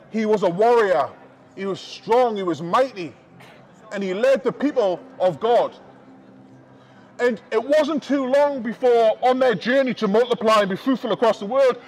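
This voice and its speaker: On a busy shopping street, a man with a strikingly high voice and a Northern English accent preaches loudly to passers-by. Wearing a small headset mic, he calls out to the crowd in an open-air sermon.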